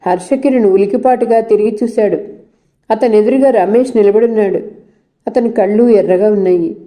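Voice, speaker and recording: A woman storyteller reading a novel aloud in steady, scripted narration. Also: on the high side.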